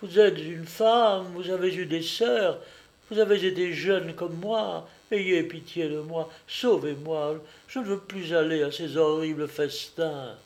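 A man's voice: on the high side, unhurried, darkish tone. A man reading aloud and voicing a desperate young blind slave girl who pleads through tears. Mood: tearful pleading. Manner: pleading, tearful.

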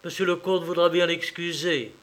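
A man's voice: a little high, steady tone, moderate pace, a bit bright, pitched above the performer's own voice, natural voice. A man reading an audiobook, voicing a bold, self-assured maidservant who scolds her mistress. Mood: scolding. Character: bold, reproachful female servant.

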